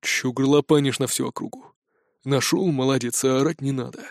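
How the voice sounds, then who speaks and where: A man voicing a calm, gruff gang boss who gives quiet orders in a dry recording. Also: medium pitch, fairly quick, no room sound, close to an everyday voice. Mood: stern.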